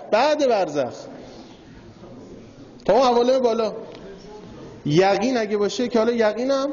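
A man with a high-pitched, darkish voice gives a religious lecture, telling a story and addressing his audience directly. The recording is dull and lo-fi, made in a reverberant hall.

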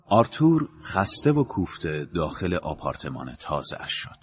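A man narrating an audiobook in a measured, dramatic storytelling manner. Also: low-pitched, very animated.

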